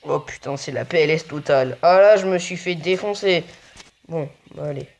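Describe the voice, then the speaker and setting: A man's voice: fairly high pitch, moderate pace, creaky. A young man giving casual, muttered play-by-play commentary on his own mobile game match, swearing often. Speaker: gaming video creator.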